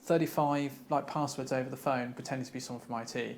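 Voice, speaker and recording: Animated, fast-talking man. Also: medium pitch. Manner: animated, laughing storyteller. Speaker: cyber security director. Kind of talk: casual discussion.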